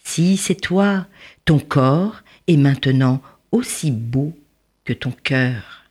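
A woman voicing a gentle, kind female fairy of a magic lake, speaking softly and tenderly in a breathy voice. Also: medium pitch, big pitch swings, slow pace, voice pushed up, heavily acted. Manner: soft and tender.

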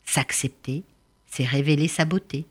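A woman storyteller reading a folk tale aloud for children in an expressive, animated way. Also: low voice, measured pace, very noisy.

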